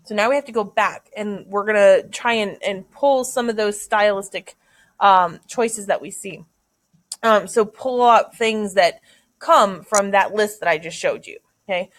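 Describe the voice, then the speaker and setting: A woman's voice: mid-range voice, unhurried. Woman thinking aloud through a reading lesson. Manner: casual, many fillers, checks in with "right?" and "okay?". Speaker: teacher.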